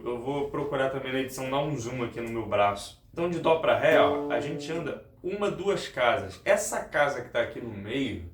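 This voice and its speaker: Man teaching guitar theory. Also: medium pitch. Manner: explains step by step, repeats key points, addresses viewers directly. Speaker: music teacher. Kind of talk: guitar lesson. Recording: roomy, with guitar playing.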